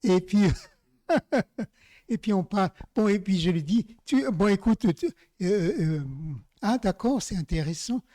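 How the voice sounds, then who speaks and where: A man from Madagascar preaching at a church service, telling a story in a relaxed, chatty way. His voice is mellow and warm, and he often turns to speak to his listeners directly. The sound is dry and close, with little room echo. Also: high voice. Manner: chatty, addresses listeners directly, slows down for key phrases. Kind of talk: informal storytelling sermon.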